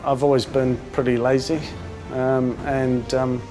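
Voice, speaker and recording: A man born in England talking casually about himself as an amateur boxer, hesitant, with many pauses and fillers. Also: mid-range voice, flat delivery. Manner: hesitant, many ums and uhs. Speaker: amateur boxer in a charity fight. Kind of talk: casual interview talk. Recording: music playing underneath.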